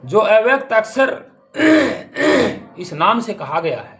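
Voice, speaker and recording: A man's voice: sits high, big pitch swings, takes it slowly, fairly bright tone, faint music behind. A man giving a spiritual discourse on scripture, speaking emphatically and posing rhetorical questions. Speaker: spiritual teacher.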